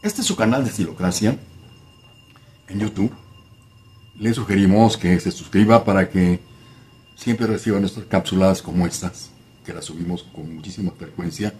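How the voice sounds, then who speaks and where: A man's voice: sits low, moderate pace, pauses often, darkish tone. Older man giving formal advice to camera. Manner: formal, emphatic, addresses viewer as usted, repeats for emphasis. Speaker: style channel host. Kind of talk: talking to camera, advice monologue. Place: home room by a window.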